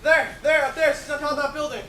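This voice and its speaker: An actor playing a menacing lawman in a historical drama, with a shouted, threatening delivery. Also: sits high, steady tone, fast talker. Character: menacing lawman arresting an activist. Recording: echoey, distant, faint noise.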